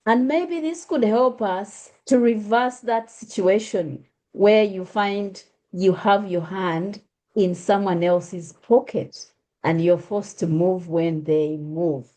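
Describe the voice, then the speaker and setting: A Ugandan woman hosts a conversational interview, introducing her guest and asking questions with many "uh" fillers and restarts. Her medium-pitched voice is mellow and slow, and the audio quality is poor.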